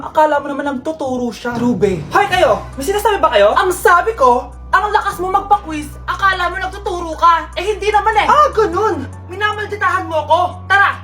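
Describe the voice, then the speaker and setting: High-pitched woman acting comic skits. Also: fairly bright tone. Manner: brash, dramatic, bickering. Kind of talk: comedy skit acting, playing several characters.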